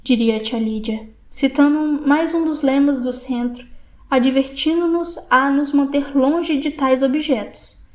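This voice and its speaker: A woman with a Brazilian Portuguese accent narrating an audiobook in a measured, reflective first-person reading. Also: sits high, a little mellow.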